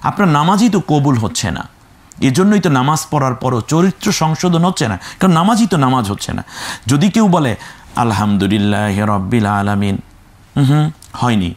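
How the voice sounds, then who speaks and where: A man's voice: on the high side, sing-song, fairly quick. A man teaching children to read the Quran, patiently drilling letters and syllables aloud and growing emphatic when he warns about mispronunciation. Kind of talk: children's Quran reading lesson.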